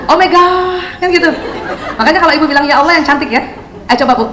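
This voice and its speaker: A woman in her fifties giving a lively religious parenting talk to mothers, acting out quoted speech and laughing often. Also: very high-pitched, fast, reverberant, crowd noise, background noise. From Indonesia.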